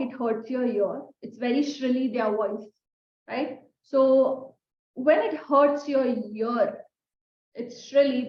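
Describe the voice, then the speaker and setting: A woman teaches a communication class, her voice sitting a little high. She talks in a conversational way and keeps turning questions back to her listeners. The recording sounds roomy and somewhat dull. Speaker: communication skills trainer. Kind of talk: recorded lesson. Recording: echoey room, dull sound.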